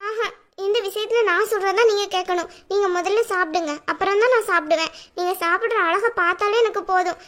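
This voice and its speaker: A woman's voice: very high voice, fast talker, fairly bright tone. A woman voicing a scheming young woman in a cartoon drama, who coaxes and pleads sweetly. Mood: sugary pleading.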